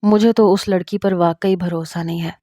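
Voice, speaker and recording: A woman's voice: on the low side, fairly even intonation, dark tone, no room sound, clean studio sound, close to an everyday voice. A woman voicing a practical, worried middle-aged mother in a spoken story, pressing with questions.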